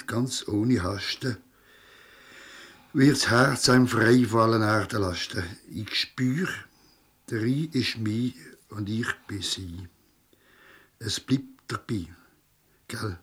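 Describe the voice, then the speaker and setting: A man's voice: lowish voice, slightly rough. A man with a Basel Swiss German accent, half-singing and reciting a dialect ballad, telling a story with spoken character voices. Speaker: songwriter and performer.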